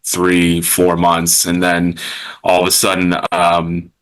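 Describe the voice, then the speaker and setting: A man with a very deep voice speaks as a guest on a podcast. His tone has a bright, forceful edge, and he talks hesitantly, repeating words and leaning on fillers as he tells his story. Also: monotone, takes it slowly, smooth, rough recording. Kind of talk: podcast interview, personal story.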